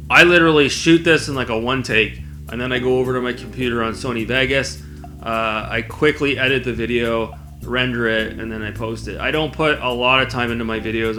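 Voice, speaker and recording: A man's voice: medium pitch, steady tone, fairly quick, bright, forceful tone, soft background music. A man talking casually to camera as a video blogger, in a conversational, rambling way. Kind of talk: casual spoken vlog to camera.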